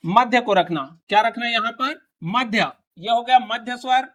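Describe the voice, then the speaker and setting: A man's voice: very high-pitched, moderate pace, a bit bright. Male teacher quizzing his class. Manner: quizzing students, repeating each answer back. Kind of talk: classroom grammar lesson. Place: classroom with students present.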